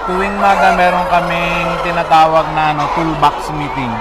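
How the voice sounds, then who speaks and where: A man explaining his poultry farm in a relaxed, casual interview, laughing lightly as he talks. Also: fairly high pitch, moderate pace. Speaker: farm owner. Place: large indoor poultry house, chickens clucking. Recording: loud chickens and farm noise behind.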